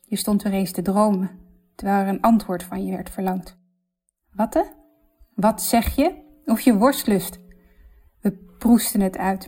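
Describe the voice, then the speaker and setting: A woman reads literary fiction aloud in a reflective, intimate manner. Her voice is warm and mellow, and her delivery is measured. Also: mid-range voice. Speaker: narrator. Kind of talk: literary audiobook narration.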